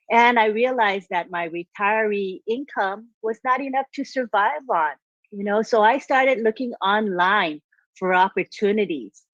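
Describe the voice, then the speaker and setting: A woman's voice: medium pitch, no room sound, dull audio. An older retired woman from Hawaii, chatting about her life as a guest on a webinar video call, repeating words as she goes. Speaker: guest speaker. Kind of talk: personal testimony on a webinar.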